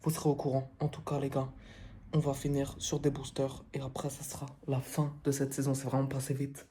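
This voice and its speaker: A woman vlog host chatting in a casual, blunt way, dropping swear words as she goes. Her voice sits low, and she is in a bathroom. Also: monotone, brisk, mellow, slight background noise.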